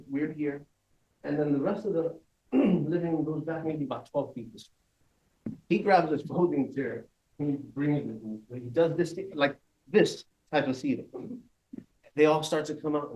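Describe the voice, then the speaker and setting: A man telling a crude story on stage, profane and animated, laughing as he goes. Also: fairly high pitch, a little hiss or hum, poor audio. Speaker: live storyteller. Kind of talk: live storytelling.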